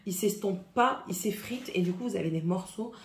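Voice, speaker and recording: A woman from France talks through her makeup favorites to camera in a loose, rambling way, full of little hesitations. Her voice has a slight husky roughness, and the sound bounces around an echoey room. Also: medium pitch, fairly quick, a little hiss or hum. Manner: chatty, hesitant, many fillers, shows products. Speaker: beauty vlogger. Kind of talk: casual makeup review to camera.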